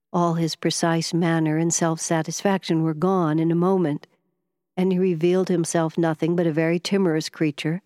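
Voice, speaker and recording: Woman audiobook narrator, measured and even, low-pitched, close dry voice with a long reverb tail. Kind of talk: scripted narration of a first-person novel.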